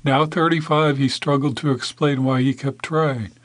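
A man reading a news article in a measured, even scripted narration, with the odd small slip. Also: mid-range voice, no echo.

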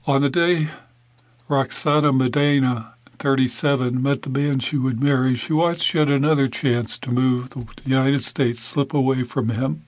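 Man, news narrator, measured even reading, dry close sound, mid pitch. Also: no echo.

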